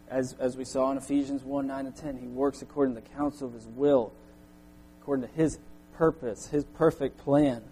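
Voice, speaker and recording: Earnest man preaching, mellow voice. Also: medium pitch, a little hiss or hum, low-quality recording. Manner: earnest preaching, rising loud on quoted cries. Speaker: pastor. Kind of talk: sermon.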